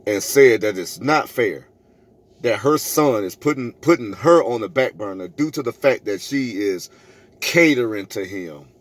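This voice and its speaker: A middle-aged man with a lowish, animated voice tells a personal story to camera at a measured pace. He's emphatic and preachy, repeating phrases for effect and performing both sides of the arguments he describes.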